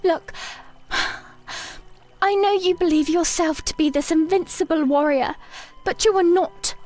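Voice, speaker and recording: A woman playing a proud, defiant young princess in an audio drama, firm and measured, with formal phrasing. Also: very high voice, a little mellow, soft background music.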